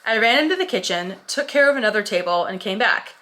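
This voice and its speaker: A woman's voice: medium pitch, fast. A woman who hosts the show and works as a server, reading stories aloud in casual chat and laughing as she tells them. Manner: lively storyteller, laughs while reading. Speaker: host and restaurant server.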